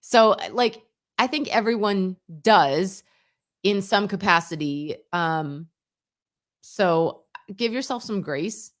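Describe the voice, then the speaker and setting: A woman's voice: mid-range voice, slow. A woman co-hosting a radio show, chatting casually and giving her opinions frankly and with animation. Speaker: radio co-host.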